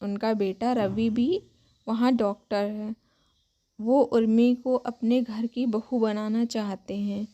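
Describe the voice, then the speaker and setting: A woman narrates a scripted family story as a storyteller. Her voice sits a bit high yet stays soft and dark-toned. The reading is unhurried, with very little rise and fall. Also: steady tone.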